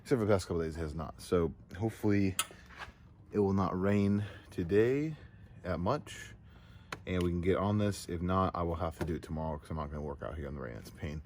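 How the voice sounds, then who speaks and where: Deep-voiced rambling truck vlogger man. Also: a little fast, a little mellow, slight background noise. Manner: rambling, filler-heavy, clears throat often. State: out of breath. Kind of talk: casual DIY vlog. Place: outdoors by a truck.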